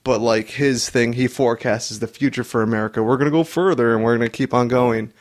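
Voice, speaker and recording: A man's voice: mid-range voice, fairly even intonation, fast. A man co-hosting a film podcast, talking in a rambling, casual way with many fillers. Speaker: podcast co-host. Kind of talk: casual chat.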